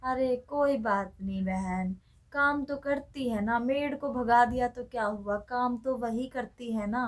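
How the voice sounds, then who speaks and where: A middle-aged woman with a Haryanvi accent playing a calm, resigned mother-in-law in a comedy skit. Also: on the high side, measured pace, lightly acted. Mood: soothing.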